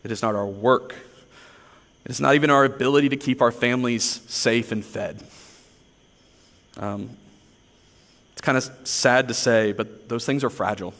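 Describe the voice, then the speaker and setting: A man's voice: medium pitch, normal speed, pauses often, a bit bright, big-room sound. A man preaching a sermon, telling personal stories in a conversational, earnest, self-deprecating way. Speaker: pastor.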